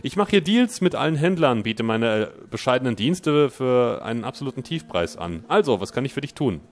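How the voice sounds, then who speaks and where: A man's voice: medium pitch, big pitch swings, brisk, voice pushed up. A man voicing a slick, friendly male merchant who brags about his deals, in upbeat salesman patter. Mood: chummy sales pitch. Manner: upbeat salesman patter, read aloud from the game's dialogue.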